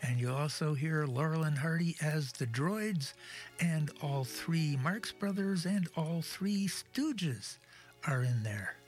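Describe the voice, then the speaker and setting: A man's voice: on the high side, takes it slowly. A man presenting as the host of a radio show. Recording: clear music behind the voice.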